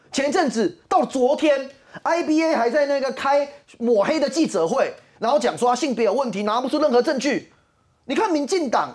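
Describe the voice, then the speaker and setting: A woman's voice: fairly high pitch, a little mellow. A woman arguing as a panel commentator on a political talk show, heated and mocking, firing rhetorical questions. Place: TV studio.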